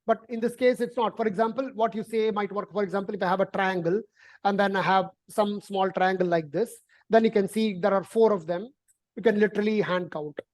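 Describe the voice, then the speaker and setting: Female math teacher, mid-pitched, explains step by step, repeats herself and tags lines with "right?". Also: steady tone, brisk, a little mellow. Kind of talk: online algebra lesson, explaining.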